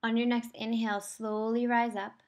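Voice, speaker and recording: A woman's voice: a little high, flat delivery, moderate pace, darkish tone. A woman teaching a yoga class, giving guided instructions in a soothing, encouraging manner.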